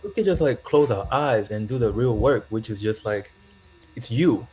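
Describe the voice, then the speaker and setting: This low-quality recording captures a young Zambian man calling into a show, his medium-pitched voice dark in tone yet animated, at a normal pace. He chats casually, rambling and reflecting, laughing often.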